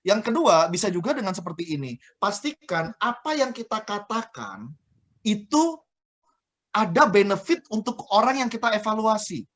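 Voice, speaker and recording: A man, a guest trainer on a radio talk show, explaining communication with lively examples. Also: high-pitched, normal speed. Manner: lively explaining, acts out scolding boss voices.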